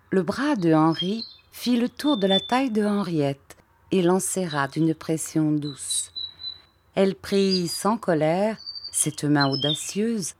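A woman narrating a classic novel in a measured, unhurried reading voice. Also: mid-range voice, noisy background. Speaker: audiobook narrator. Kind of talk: scripted literary narration.

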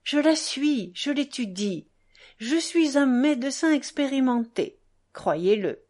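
A high, swooping society lady who gushes and rushes on, never letting anyone finish, as a woman reader puts her on. Her pitch leaps all over the place with breathless, bossy enthusiasm. An audiobook reading. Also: animated, darkish tone, exaggerated voice. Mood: gushing. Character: gushing, domineering society lady, middle-aged.

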